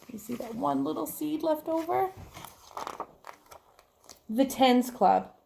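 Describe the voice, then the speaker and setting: A slightly high-voiced woman reads a children's story aloud in a teacherly, expressive style, with a little hiss or hum audible in the recording. She acts out the dialogue, asks her listeners questions and adds chatty asides, keeping the story clear.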